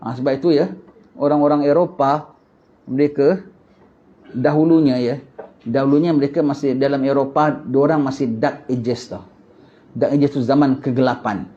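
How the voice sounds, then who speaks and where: A man with a Singaporean Malay accent giving a religious lecture, animated, asking rhetorical questions and repeating phrases. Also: medium pitch, moderate pace, muffled recording. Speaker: religious teacher.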